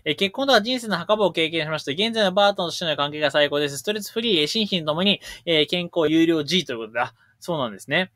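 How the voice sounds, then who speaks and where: A man's voice: on the high side, dry recording, clean studio sound. A man hosting a casual livestream, reading out viewer questions and answering them bluntly, with jokes. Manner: rapid-fire, animated, blunt and joking.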